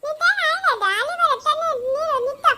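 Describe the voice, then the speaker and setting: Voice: very high voice, fairly quick, sharp tone, full character voice. A girl playing a village woman who scolds and guards a baby in a family skit. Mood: coaxing. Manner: scolding, argumentative.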